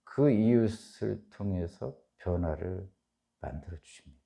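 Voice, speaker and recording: A middle-aged male pastor with a Chungcheong accent, giving an early-morning sermon in an animated preaching manner that swings from loud peaks to soft asides. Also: low-pitched, measured pace, gravelly. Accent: Chungcheong Korean. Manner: animated preaching, voicing Job's laments, rising loud then dropping soft.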